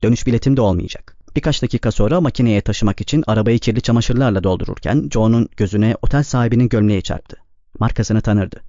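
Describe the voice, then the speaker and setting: Warm-voiced male audiobook narrator. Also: fairly low pitch, fast, no room sound. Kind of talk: scripted narration. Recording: slightly dull, dry recording.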